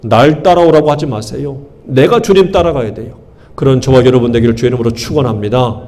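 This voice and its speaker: With a warm, medium-pitched voice and a fast delivery, a male pastor preaches a sermon. He repeats key words emphatically and keeps firing questions for the congregation to answer back.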